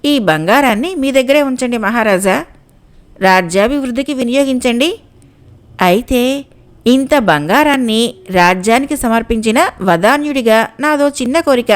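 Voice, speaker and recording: A woman narrator voicing a shrewd, firm older male royal guru in a told folk tale, speaking in a measured, reasoning way. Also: on the high side, expressive, close to an everyday voice. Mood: advising.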